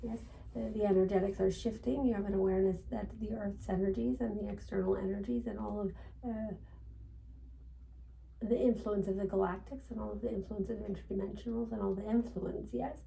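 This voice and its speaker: A woman's voice: mid-range voice, steady tone, brisk, gravelly, dark tone, distant mic, slight background noise, rough recording. A woman seance medium voicing a channeled spirit guide, formal and serene, in stilted instructive phrasing with questioning tags. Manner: formal, stilted phrasing, frequent tag "yes?".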